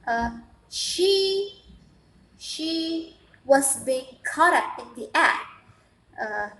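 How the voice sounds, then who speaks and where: A woman with a thick foreign accent who is not a native English speaker, telling a story in a casual, halting monologue and repeating phrases for emphasis. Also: sits high, a bit bright. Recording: echoey room, faint background noise.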